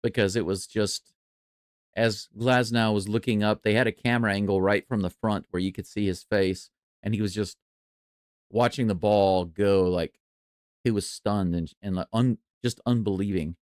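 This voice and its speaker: A man doing live baseball play-by-play and reaction in a chatty, excitable way. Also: lowish voice, moderate pace, no echo, studio quality. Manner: excitable, chatty, jumps from calm to loud cheering. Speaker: play-by-play streamer.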